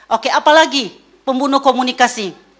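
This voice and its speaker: A middle-aged woman giving a lively church teaching, acting out quoted voices as she speaks. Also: sits high, normal speed. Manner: lively, acts out quoted voices, mixes in English words.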